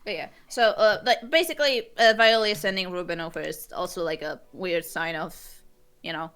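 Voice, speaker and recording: Brief: woman player, bright tone, talkative and quick. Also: lowish voice, clean tone. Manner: chatty, quick bursts with restarts. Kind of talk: casual chat between role-play scenes.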